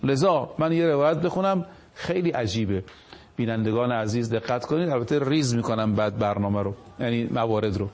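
A man giving a religious talk in a TV studio. He reads Arabic scripture slowly, paraphrases it, and puts rhetorical questions to the viewers. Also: mid-range voice, a little mellow. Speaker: religious speaker on a TV program.

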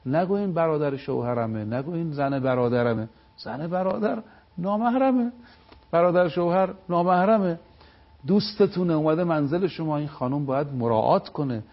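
Male religious speaker, fairly high husky voice, preachy storytelling, lo-fi TV sound. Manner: preaching, storytelling, slow stressed recitation of sayings. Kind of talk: religious talk on live TV.

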